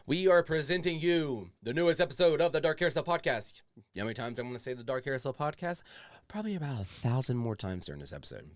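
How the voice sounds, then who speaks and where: A man's voice: mid-range voice, dry recording, studio quality. A man hosting a casual podcast, rambling along in slangy, profane chat. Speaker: podcast host.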